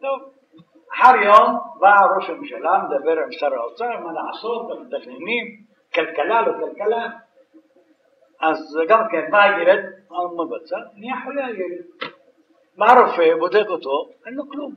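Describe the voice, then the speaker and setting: A man teaching religious law as a rabbi, telling stories in an animated way and acting out voices. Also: high voice, long pauses, a little hiss or hum. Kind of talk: Torah lecture on kosher law. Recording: distant, roomy, dull sound.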